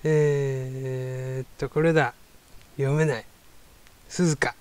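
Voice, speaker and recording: A man's voice: medium pitch, little pitch movement, slow pace, a little mellow, smooth. A man talking to himself in a casual solo monologue, rambling and muttering as he tries to remember things. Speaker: solo talker.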